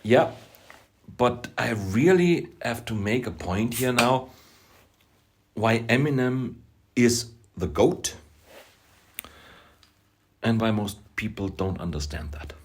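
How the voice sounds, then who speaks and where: A man from Austria with an Austrian German accent, a German speaker, making an emphatic vlog monologue about hip-hop, halting with self-deprecating asides. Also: medium pitch, lively intonation, a little hiss or hum. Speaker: music producer and rapper.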